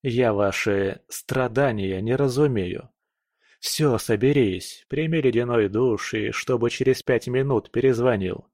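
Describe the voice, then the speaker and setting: A man's voice: mid-range voice, a little slow, a little mellow, no room sound, clean studio sound. A man narrating a first-person audiobook in a wry, blunt manner.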